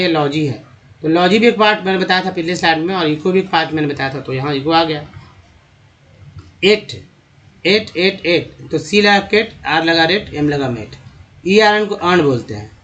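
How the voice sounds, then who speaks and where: A man with a Hindi accent teaching how to read English from slides, on the higher side for a male voice. He breaks words into parts and sounds each one out slowly, repeating words several times. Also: a bit bright, lo-fi sound. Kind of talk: slide-based phonics lesson.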